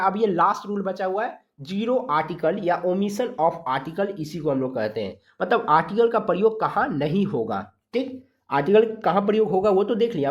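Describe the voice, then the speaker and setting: A teacher from India giving a grammar lesson, explaining rules step by step, sounding letters out slowly and checking in often with the class. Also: medium pitch, lo-fi sound. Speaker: exam-prep English grammar teacher.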